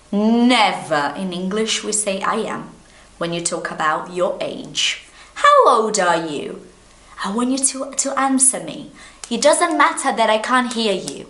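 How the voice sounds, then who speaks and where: A Brazilian woman in her thirties, a native Portuguese speaker, gives an online English lesson, patient and encouraging as she talks straight to the viewer. Her voice is mid-range with a fairly bright tone, and the room sounds echoey.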